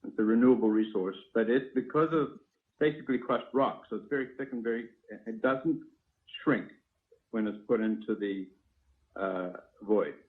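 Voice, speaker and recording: On a live phone call, a man who invented his products and founded the company explains them informally, going through the technical details step by step. His voice is on the low side at a moderate pace. The narrow phone line makes it sound tinny.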